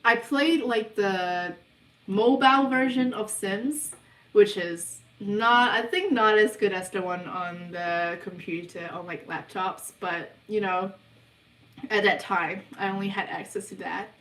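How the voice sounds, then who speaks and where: A young woman from New hosts a casual livestream Q&A, reading viewers' questions aloud and answering in an unhurried, hesitant way with lots of ums. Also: mid-range voice, fairly bright tone, far from the mic. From New Zealand. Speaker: livestream host of a subliminal channel. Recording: roomy sound, voice away from the mic.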